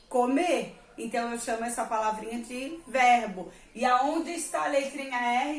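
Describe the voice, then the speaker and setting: A woman teacher, patiently explaining a reading lesson to young children, drawing out the example words and checking in often. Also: on the high side. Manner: stretches and stresses example words. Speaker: primary school teacher. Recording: echoey room.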